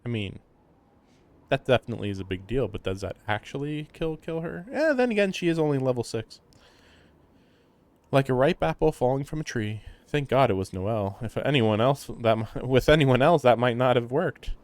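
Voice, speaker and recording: A man's voice: mid-range voice, animated, moderate pace, a little mellow, no room sound. A man reading visual novel text aloud and breaking into chatty, laughing commentary. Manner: reads text plainly, then breaks into chatty, laughing asides. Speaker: let's player.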